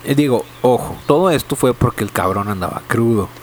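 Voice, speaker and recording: Brief: Mexican man, podcast co-host, loose slangy storyteller, mid-pitched, restarts a lot. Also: lively intonation, brisk, heavy background noise. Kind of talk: casual chat.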